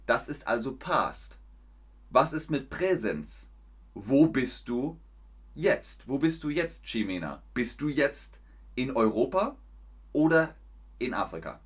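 A man teaching German in a live stream, reading out viewers' chat messages and praising them, with slow, simple phrasing that repeats sentences for learners. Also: mid-range voice, a bit bright, husky. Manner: encouraging, frequent praise.

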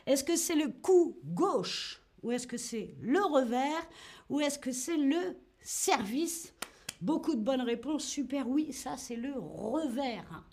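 Lively high-voiced woman teaching French. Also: slow pace. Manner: lively, demonstrates tennis shots with grunts; greets and answers chat viewers by name. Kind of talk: live online French lesson.

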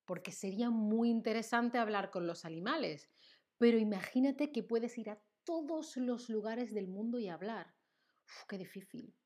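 Her voice sits a little high with a darkish tone: a young woman from Seville in southern Spain, speaking with an Andalusian accent as she runs a lighthearted Spanish lesson on a live stream. Chatty and quick to laugh, she calls out viewers' names from the chat and lists vocabulary slowly, filling pauses hesitantly.

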